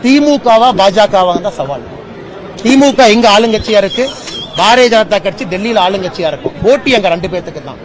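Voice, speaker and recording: A man's voice: high-pitched, lively intonation, moderate pace, low-quality recording. A man making an emphatic public political speech full of firm declarations. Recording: crowd and noise behind.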